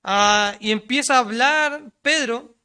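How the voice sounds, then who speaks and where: The speaker is a male preacher with a Chilean Spanish accent, his voice smooth and unhurried. He asks rhetorical questions and supplies the answers himself, reading scripture aloud along the way. Asides come out low and quiet, while quotes from the crowd rise loud and high.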